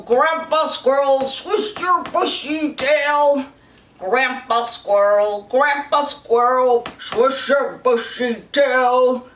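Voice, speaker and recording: A woman's voice: high voice, a bit bright, full character voice. Woman as an old grandpa squirrel, singing in a put-on voice, echoey room. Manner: sung in a put-on old-man voice. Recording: roomy, distant mic, faint noise.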